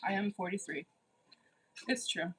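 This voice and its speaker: A woman's voice: mid-range voice, measured pace, slight background noise, rough recording. A woman in her forties hosting a livestream, reading viewers' chat in a teasing, bossy way and scolding rude commenters. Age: 40s. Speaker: livestream host. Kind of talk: casual live chat reading.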